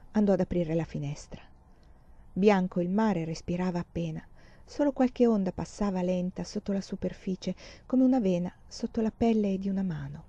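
A woman reads literary fiction aloud, measured and expressive, with a mellow, darkish tone. The sound is dry and close, with a slightly muffled top end. Her pitch sits in an ordinary middle range. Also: no echo. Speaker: audiobook reader. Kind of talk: literary audiobook narration.

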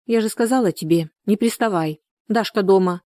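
A woman's voice: medium pitch, moderate pace, dark tone, dry recording, pitched above the performer's own voice, close to an everyday voice. Snappy young woman, nervous, reproachful, dry close sound, read by a woman. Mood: annoyed.

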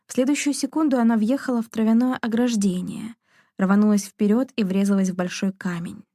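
A woman's mid-range voice carries this scripted audiobook narration of a novel. Her storytelling is even and measured, and the clean studio recording has no room sound.

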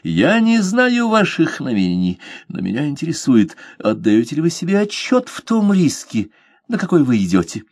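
A man's voice: on the high side, huge pitch swings, normal speed, a little mellow, no echo, pitched above the performer's own voice, exaggerated voice. A man voicing a haughty English lord who speaks sharply and indignantly. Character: haughty angry English lord, male adult.

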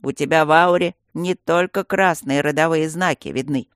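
A reader voicing a gruff, bossy male stone guardian who grumbles and barks, in a storybook reading. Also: medium pitch, moderate pace, fairly bright tone, no echo, studio quality, close to an everyday voice. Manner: gruff, barking and coaxing by turns. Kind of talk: audiobook character voice.

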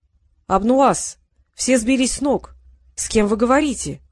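A woman's voice: fairly high pitch, unhurried, no room sound, clean studio sound. A woman voicing a male court jester in an audiobook, firm and insistent.

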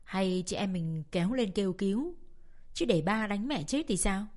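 A woman's voice: mid-range voice, expressive, normal speed, darkish tone, natural voice. A woman voicing an anxious eldest sister who urges her siblings on in a dramatic audiobook reading. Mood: urgent.

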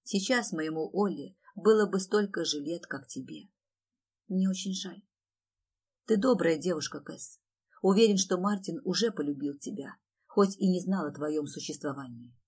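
Female reader as a soft-spoken older man, kindly and grieving, audiobook. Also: fairly low pitch, moderate pace, breathy edge. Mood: gentle sad.

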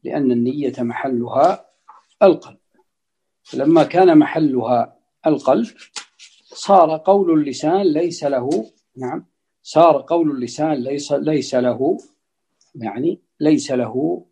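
Male scholar, teaching, fairly high voice, dark tone, deliberate, repeats phrases. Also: vocal fry, breathy edge. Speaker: religious teacher. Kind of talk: explaining a classical legal text.

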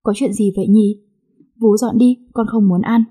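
A woman's voice: medium pitch, fairly even intonation, moderate pace, mellow, breathy edge, lightly acted. A woman voicing a cold, moody rich young husband who speaks in curt, short lines.

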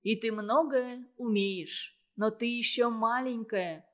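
Woman reader as kindly heavyset uncle, slow and soothing, storybook. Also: a little high. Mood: tender. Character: kindly, portly middle-aged uncle, gentle and soft-spoken. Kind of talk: storybook reading.

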